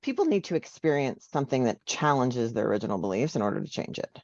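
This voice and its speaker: A woman's voice: very deep voice, fast, dry recording, lo-fi sound. A woman, a social worker, talking in a casual interview and often checking in with "right?". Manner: animated, frequent "right?" tags.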